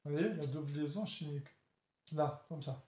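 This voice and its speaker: A man teaching chemistry in a classroom lecture, talking haltingly with many fillers and restarts and often checking that the class follows. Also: on the high side, a little mellow. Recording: echoey room.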